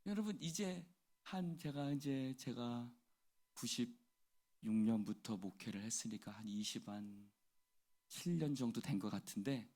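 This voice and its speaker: A middle-aged man preaches an early-morning church sermon in a slightly husky voice at an ordinary pitch. He is animated and keeps asking the congregation rhetorical questions. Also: unhurried. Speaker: pastor.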